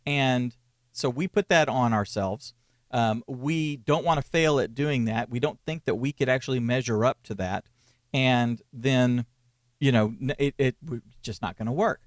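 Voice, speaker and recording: A man's voice: mid-range voice, unhurried, dry recording, clean studio sound. A man in his forties co-hosting a casual ministry chat, rambling and restarting his sentences with small chuckles. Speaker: co-host, church media consultant. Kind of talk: casual conversational podcast.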